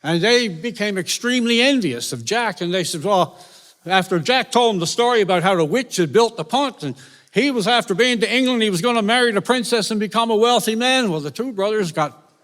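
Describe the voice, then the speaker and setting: Newfoundland guy spinning an old folk tale live, chuckly and animated, big echoey hall. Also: sits high, a little fast. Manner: lively, chuckling, folksy. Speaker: storyteller. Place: concert venue, with audience. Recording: reverberant live concert hall.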